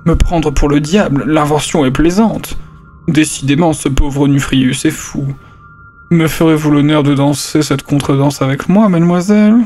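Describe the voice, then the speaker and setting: A man voicing a smooth, mocking male dandy who brushes off an accusation. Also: a little high, moderate pace, darkish tone, soft background music, close to an everyday voice. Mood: dismissive.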